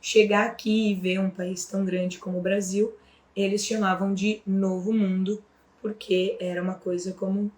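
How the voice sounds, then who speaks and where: A woman's voice: medium pitch, darkish tone. Chatty Brazilian woman teacher, echoey room. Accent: Brazilian Portuguese. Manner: chatty, frequent tag questions and fillers. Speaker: Portuguese teacher. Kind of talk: casual explanatory lesson.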